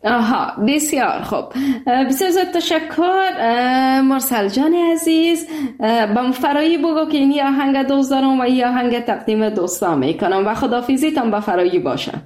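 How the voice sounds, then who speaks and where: A woman's voice: high voice, expressive, darkish tone, reverberant. A woman hosting a call-in radio show, chatting cheerfully with a caller and laughing often. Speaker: radio host.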